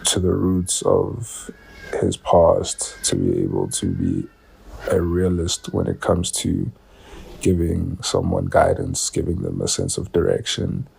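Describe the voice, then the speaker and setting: A young man giving an earnest spoken tribute to his father, slow and halting, with many pauses and fillers. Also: low voice, creaky, darkish tone, husky, rough recording. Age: young adult. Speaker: son paying tribute.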